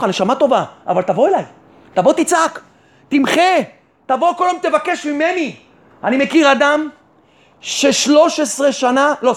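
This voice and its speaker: Rabbi teaching a lesson, very high male voice, poses his own questions and answers them, pushes his point home. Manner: rhetorical questions answered by himself; addresses listeners warmly and directly. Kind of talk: Torah lesson.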